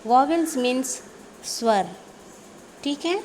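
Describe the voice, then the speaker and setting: A woman teaching young children a lesson, speaking slowly, repeating each word and mixing in English terms. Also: high-pitched, lively intonation, a little mellow, a little hiss or hum. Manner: slow, repeats words and mixes in English.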